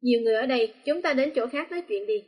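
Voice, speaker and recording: A woman's voice: fairly high pitch, lively intonation, rapid-fire, darkish tone, lightly acted. A woman voicing a hot-tempered young man who speaks in an agitated, urgent way. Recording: long reverb.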